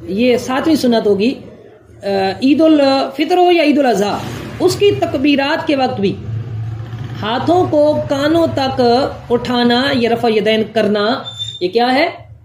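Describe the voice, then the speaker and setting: A woman's voice: high-pitched, lively intonation, takes it slowly, darkish tone, a little hiss or hum. A woman giving a religious jurisprudence lesson, going point by point and answering her own questions. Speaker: religious teacher.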